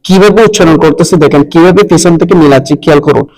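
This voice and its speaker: A man teaching Quran reading, spelling out each letter and vowel, then blending and repeating syllables slowly. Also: a little high, darkish tone. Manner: repeats syllables and tells listeners to pay attention. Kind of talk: slow spelled-out recitation lesson. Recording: long reverb.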